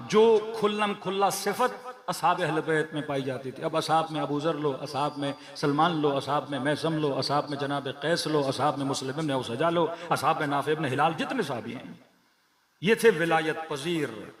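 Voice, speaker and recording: A man's voice: a little high, normal speed. A man with a Pakistani Urdu accent preaching a majlis sermon to a congregation, declamatory, with rhetorical questions and rhythmic repeated lists. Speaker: Shia preacher. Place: large prayer hall with a gathered audience. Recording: echoey hall with crowd sounds.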